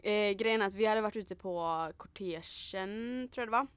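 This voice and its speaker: A woman's voice: medium pitch, smooth, no room sound. A young woman from Sweden in casual chat, retelling a night out with acted quotes and lots of fillers. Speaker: storyteller in a chat.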